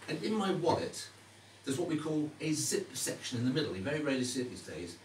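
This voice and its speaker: Male magician, chatty card-trick patter, animated intonation, distant noisy live recording. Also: a little high, fast, reverberant. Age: middle-aged. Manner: chatty, teasing, questioning asides to audience. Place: indoor stage before a small live audience. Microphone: distant audience camera.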